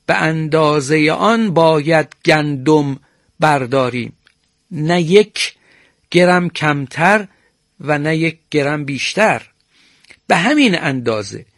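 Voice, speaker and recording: A middle-aged man giving a formal broadcast lesson on poetic meter, speaking courteously and slowly chanting the meter's syllables. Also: on the high side, a bit bright, dry recording, studio quality. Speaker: teacher of Persian prosody.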